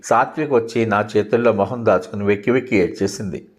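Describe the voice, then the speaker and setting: A man reading his own novel aloud in first person, in a measured, steady storytelling manner. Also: lowish voice.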